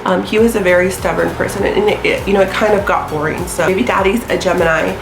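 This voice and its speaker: Talking fast to camera, this astrology vlogger in her twenties sounds stuffed up from a sinus infection and fills her casual chat with ums and likes. Her medium-pitched voice is gravelly with fairly even intonation, in an echoey room with background noise.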